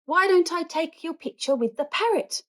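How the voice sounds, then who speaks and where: A woman's voice: extremely high pitch, expressive, normal speed, fairly bright tone, voice pushed up. A woman voicing an eager, exclamatory young boy in a children's storybook. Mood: excited.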